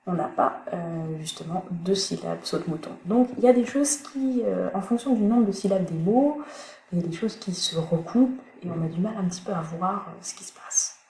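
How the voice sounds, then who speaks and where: A woman teaching English pronunciation in a recorded online lesson, thinking aloud with many pauses as she searches for words. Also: fairly low pitch, expressive, gravelly, warm tone. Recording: echoey room, faint background noise.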